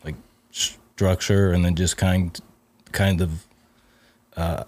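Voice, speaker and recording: Comedian guest, man, very low voice, thoughtful and halting in casual podcast chat. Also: level tone, a little mellow. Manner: reflective, searching for words.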